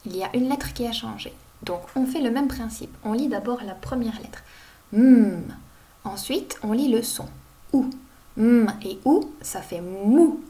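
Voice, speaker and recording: A woman teaching young children to read, sounding out each word slowly and clearly. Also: a little high, warm tone. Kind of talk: reading lesson for young children.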